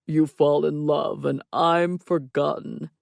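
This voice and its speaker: A sulky, dramatic young man who draws out every complaint in a low, gravelly voice, as a woman acts him out for an audiobook. He sounds close and dry, with no room around him. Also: steady tone, a little mellow, dry recording, exaggerated voice. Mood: whiny.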